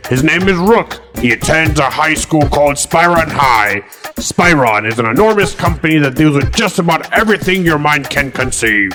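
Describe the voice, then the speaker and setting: A man's voice: on the high side, close to an everyday voice. A man voicing a doctor who narrates the prologue of an audio story with a grand storytelling manner, heard over music. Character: scientist narrator introducing a tale.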